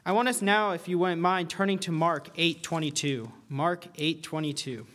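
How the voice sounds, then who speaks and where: Young male preacher, high voice, earnest and chatty, swells into loud pleas. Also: moderate pace. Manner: earnest, conversational, builds to loud pleading cries. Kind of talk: sermon.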